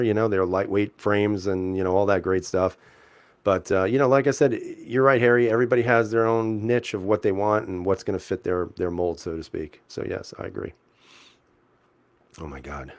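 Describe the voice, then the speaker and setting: Male streamer host, deep-ish relaxed voice, dry close mic, rambling casual chat. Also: no room sound. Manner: laid-back, chuckling, lots of fillers and restarts. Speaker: livestream host reading chat. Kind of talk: casual live-chat talk.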